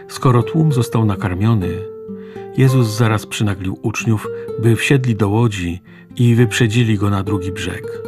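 Solemn man reading scripture over music. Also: lowish voice. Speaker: scripture reader. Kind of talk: reading the Gospel aloud. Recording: music bed under voice.

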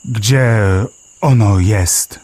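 A plodding, puzzled many-legged bug, voiced by a man in a children's audio story. He mumbles in a low, slow voice. Each line drags along unhurried. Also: darkish tone, husky, exaggerated voice.

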